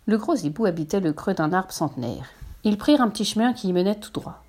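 A woman reading a children's storybook aloud in a gentle, lively narration. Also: medium pitch, fast talker.

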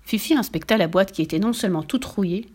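A woman reading a children's storybook aloud in a lively, expressive way. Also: medium pitch, fast, breathy edge.

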